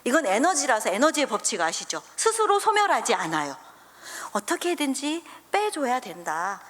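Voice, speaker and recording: A pastor's wife preaching a sermon, telling animated stories and acting out little scenes for the congregation. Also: female voice, high-pitched, moderate pace. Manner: animated storyteller who acts out scenes with the congregation. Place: church sanctuary. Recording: reverberant church hall.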